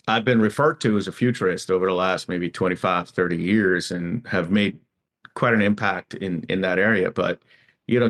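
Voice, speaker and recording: A middle-aged man from Guyana, a tech futurist guest in an interview, talking in a relaxed way with many fillers. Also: deep voice. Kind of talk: conversational interview.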